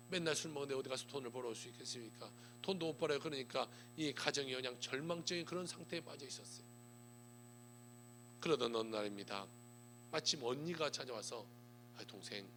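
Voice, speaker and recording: A male pastor preaching a sermon, telling a story and swinging between hushed asides and loud emphatic lines. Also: mid-range voice, slight background noise. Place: church sanctuary.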